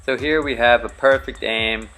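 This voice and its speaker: A young Bahamian man, a charter fishing captain, giving relaxed step-by-step spearfishing instructions in a vlog. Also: medium pitch, normal speed, faint music behind. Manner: relaxed, practical, step-by-step explaining.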